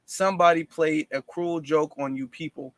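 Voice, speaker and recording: A man's voice: a little high, fairly even intonation, normal speed, fairly bright tone, no echo. A man hosting a casual livestream, explaining at length to viewers with many fillers and restarts. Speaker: livestream host.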